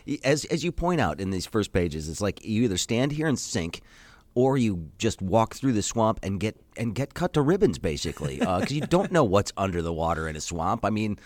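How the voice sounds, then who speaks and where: Low-voiced, lively male podcast host. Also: a little fast, no room sound. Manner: lively, reacts and asks follow-up questions. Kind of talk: casual interview.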